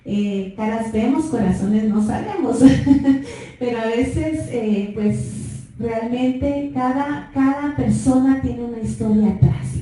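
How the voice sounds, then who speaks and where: A woman hosting a church interview, speaking slowly with chuckling asides. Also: on the high side, warm tone. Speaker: host interviewer. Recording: echoey room, far from mic, faint noise.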